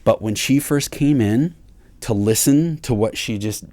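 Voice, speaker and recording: A man who works as a recording engineer, casually telling a story with lots of halting restarts and self-deprecating asides. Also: mid-range voice, mellow, no room sound.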